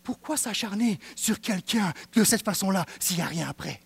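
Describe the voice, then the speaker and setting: A man preaching a sermon with a Quebec French accent, swinging from hushed passages to fervent exclaiming. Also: high voice, expressive, normal speed, creaky, breathy edge, no echo. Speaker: pastor.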